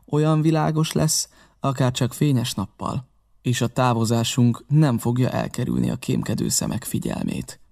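A man reading a classic adventure novel aloud in a measured, steady first-person narration. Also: medium pitch, creaky. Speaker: audiobook narrator.

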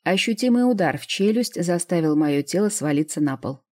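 Low, husky woman narrator. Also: expressive, brisk, dark tone. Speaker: audiobook narrator. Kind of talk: scripted first-person narration.

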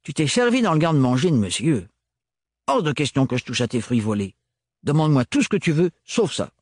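Man voicing a gruff slangy valet, grumbling, raised pitch, loud and dry, audiobook character. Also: sing-song, a little fast, no room sound. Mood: indignant.

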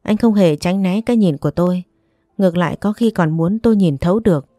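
A woman reads a first-person audiobook story in a calm, even way. Her voice sits on the low side, recorded close and dry, with soft music underneath. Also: a little fast, no echo. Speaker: narrator.

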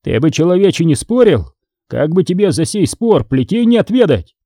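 A man voicing a sly steward who threatens strangers and flatters his mistress. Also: fairly high pitch, normal speed, dry recording, studio quality, pitched above the performer's own voice. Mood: menacing.

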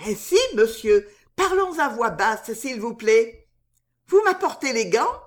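A woman voicing a young female maid who is anxious and easily flattered, in an audiobook. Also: fairly high pitch, slow pace, voice pushed up. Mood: hushed, pleading.

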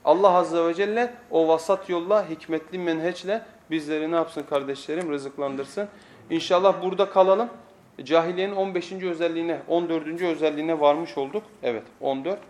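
High-voiced man preaching at a pulpit microphone. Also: steady tone, brisk. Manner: emphatic, repeats phrases and asks the congregation rhetorical questions. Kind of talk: weekly sermon lesson.

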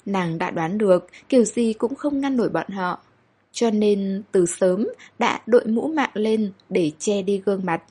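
A woman reading a story aloud in steady, measured audiobook narration. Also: mid-range voice, breathy edge.

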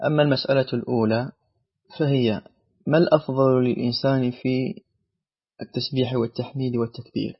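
A man giving a formal religious lesson as a teacher, in a measured, formal classical delivery. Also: mid-range voice, fairly even intonation, creaky, slightly rough, lo-fi sound.

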